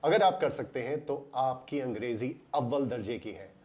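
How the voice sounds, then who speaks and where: Indian man calmly teaching pronunciation. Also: medium pitch, normal speed. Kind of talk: explanatory lesson voice-over.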